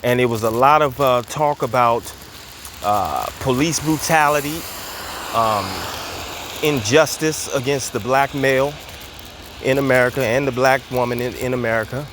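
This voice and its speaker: A man's voice: medium pitch, normal speed, fairly bright tone, a little hiss or hum. Slightly breathless man talking while walking. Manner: loose, emphatic, frequent fillers and repeats. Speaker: commentary host. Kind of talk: casual monologue while walking. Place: outdoors, walking.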